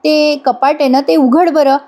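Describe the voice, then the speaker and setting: A woman reading the lines of a kind, motherly older lady who warmly coaxes a young girl and blesses her. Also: high voice, fairly even intonation, measured pace, voice pushed up. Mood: affectionate. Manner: affectionate, coaxing, calls the girl "child".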